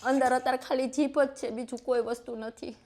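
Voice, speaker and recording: High, pleading woman. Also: steady tone, a little fast, darkish tone, slight background noise. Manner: pleading, tearful at times. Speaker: interviewee seeking help. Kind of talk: emotional plea in an interview.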